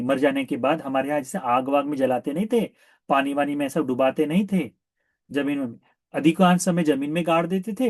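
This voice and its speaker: A male Buddhist monk tells a moral story in a lively sermon, often turning to his listeners with questions. He repeats words for emphasis, his voice mid-pitched, in a dry close recording. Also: no echo. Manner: animated, asks listeners rhetorical questions; repetitive for emphasis.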